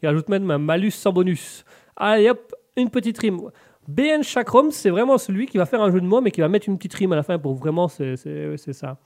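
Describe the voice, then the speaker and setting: A man's voice: high voice, sing-song, fairly quick, darkish tone. A man with a cold hosting a live radio and Twitch show, upbeat, reading out viewers' chat comments. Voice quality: congested, stuffy. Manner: upbeat, reads out chat comments, lots of restarts. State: has a cold.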